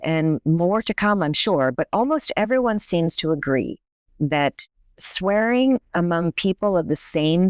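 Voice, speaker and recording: A woman professor, a native English speaker with a lowish voice, talks through her research in a conversational podcast interview. She comes across as thoughtful, restarting her sentences often, and the recording has no echo.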